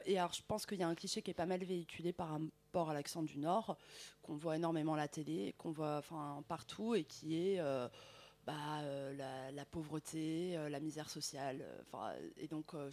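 Slightly low-voiced young woman. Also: normal speed, a little mellow. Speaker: panellist and presenter. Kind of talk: casual chat and prepared explanatory segment.

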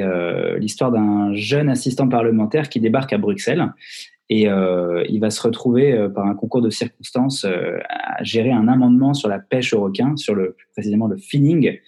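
Man, actor, video call interview, joking tone, mellow, slightly husky. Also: fairly low pitch, moderate pace. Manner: jokey, teasing with mock-serious tall tales. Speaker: actor guest.

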